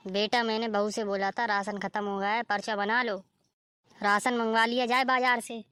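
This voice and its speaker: A woman's voice: mid-range voice, flat delivery, normal speed, fairly bright tone, smooth, no echo, studio quality, close to an everyday voice. A woman voicing a nagging old mother-in-law. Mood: scolding. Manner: scolding, complaining. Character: scolding older mother-in-law, nagging and complaining. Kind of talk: cartoon story voice acting.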